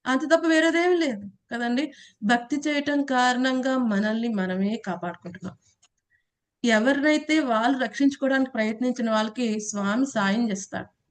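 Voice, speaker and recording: Brief: woman scripture teacher, fairly high voice, chatty lecture style, questions the class. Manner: conversational, asks the class questions, laughs, acts out quotes. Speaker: Gita teacher.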